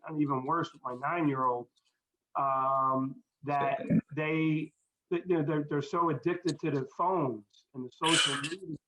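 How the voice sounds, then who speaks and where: A middle-aged man with a fairly high, slightly bright voice speaks earnestly and reflectively in a group conversation, often repeating words as he goes. The audio is dull and echoey.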